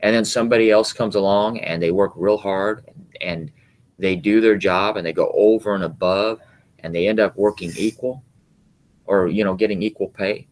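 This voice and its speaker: A middle-aged man, co-hosting a casual chat with his wife, talking in a rambling, halting way with many fillers. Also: fairly low pitch, fairly even intonation. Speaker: podcast co-host, husband. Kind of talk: casual chat about scripture and work.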